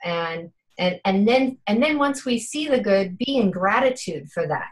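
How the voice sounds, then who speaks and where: This fifties-aged woman is an interview guest in a relaxed chat, talking sincerely with frequent "you know" fillers. Her medium-pitched voice is expressive and measured in pace, captured on poor-quality audio.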